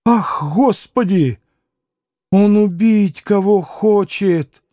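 Male narrator as a frightened young maid, high, pleading, frantic, dry close mic. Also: drawn-out words, dark tone, dry recording. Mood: horrified.

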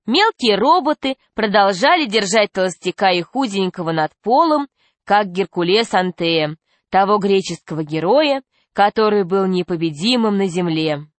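A woman reading a children's story aloud, narrating calmly and clearly. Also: medium pitch, dry recording. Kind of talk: storybook reading with character voices.

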